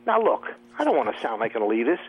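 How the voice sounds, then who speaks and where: A man's voice: mid-range voice, very animated, fast, husky. A man hosting a talk radio show, riffing sarcastically in a comic monologue and laughing at his own jokes. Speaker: radio host. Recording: tinny phone-like radio audio.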